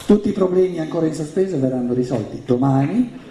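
Give a native German man with a German accent, lecturing on spiritual matters in a roomy space. His voice is on the high side and swings widely in pitch, and he is emphatic, repeating phrases and posing rhetorical questions. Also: expressive, quick pace, background noise. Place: indoor room with an audience. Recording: roomy, echoing live talk.

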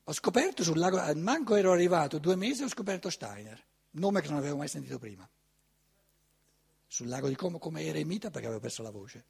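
An older man giving a conference talk in a lecture hall, animated and conversational, often asking his audience rhetorical questions. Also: mid-range voice, creaky, slightly rough.

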